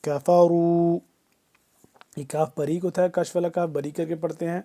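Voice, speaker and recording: A man gives a fast-moving tajweed lesson, running through pronunciation rules one after another in an instructive tone. His voice is pitched fairly high for a man, yet it sounds very dark and mellow. His delivery stays flat and even throughout. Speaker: Quran recitation teacher.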